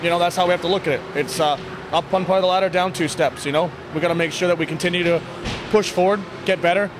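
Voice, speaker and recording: A higher-pitched, fast-talking man, an ice hockey bench coach, gives a casual and candid post-game interview with fairly even intonation. The setting is an indoor sports hall with blue block walls, captured on a handheld interview microphone amid noisy background ambience.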